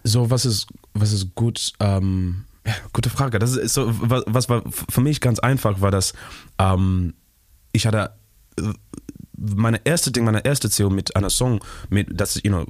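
Recorded with clean studio quality and no room sound, this Zimbabwean guest musician, a Shona speaker with a lowish voice, fumbles for words as he responds in beginner German blended with English. His answers are full of restarts, pauses and frequent laughter.

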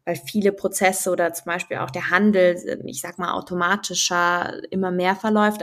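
A young woman talks through her ideas as an interview guest, pausing often with fillers and restarting sentences. Her voice sits low and stays fairly flat in tone. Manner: thoughtful, many fillers and restarts, explanatory. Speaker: guest, finance and crypto expert. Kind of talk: conversational podcast interview.

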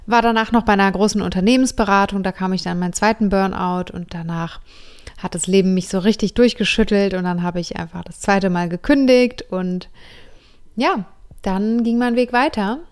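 A woman's voice: mid-range voice, darkish tone, clean tone. Enthusiastic woman in her thirties. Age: 30s. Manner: enthusiastic, heartfelt, mixing in English words. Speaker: podcast host and yoga teacher. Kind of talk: personal storytelling monologue.

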